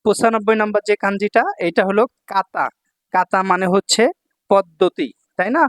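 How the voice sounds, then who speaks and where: A man's voice: high-pitched, fairly even intonation, moderate pace, a bit bright, dry recording. A male language teacher explaining kanji readings and meanings, repeating each reading and often checking that students follow. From Bangladesh.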